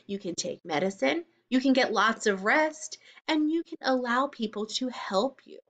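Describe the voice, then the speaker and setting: This woman, with a somewhat high voice and a normal speaking speed, reads a children's story in a teacherly way. She is expressive and keeps her explanations simple for young ears.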